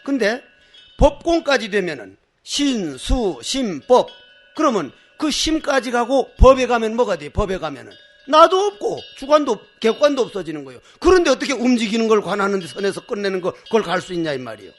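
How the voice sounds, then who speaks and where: Lively impassioned older monk. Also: male voice, high voice, brisk. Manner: impassioned, emphatic; acts out quoted voices, laughs at his own stories. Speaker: Buddhist monk. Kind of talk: Buddhist dharma talk.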